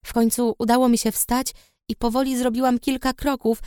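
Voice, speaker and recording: Female audiobook narrator, first person; even, reflective delivery; dry, close studio sound. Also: a little high, brisk, clear, resonant tone, no echo.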